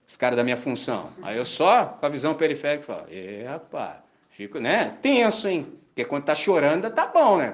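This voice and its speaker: A man with a Brazilian Portuguese accent preaching a sermon in a colloquial, animated storytelling way, full of slang. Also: a little high.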